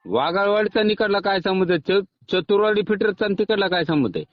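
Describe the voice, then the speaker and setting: A man's voice: high-pitched, fairly quick, no echo. An angry man, threatening and swearing at the other end of a phone call. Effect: over a phone line. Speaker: angry caller complaining about a power cut. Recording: muffled, dry phone call recording.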